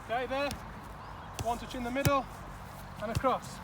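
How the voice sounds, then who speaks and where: A man's voice: very high voice, fairly even intonation, moderate pace. A man coaching a football drill outdoors, explaining and demonstrating with frequent "okay" and "all right". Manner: instructive, repeats okay and all right often. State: out of breath at times. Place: outdoor pitch. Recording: distant mic, outdoor noise.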